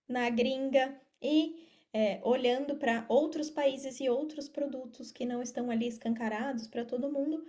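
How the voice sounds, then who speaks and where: A Brazilian woman with a fairly high, warm voice appears as a podcast guest over a remote video call. An affiliate marketer, she gives casual, motivational interview answers that are emphatic and encouraging.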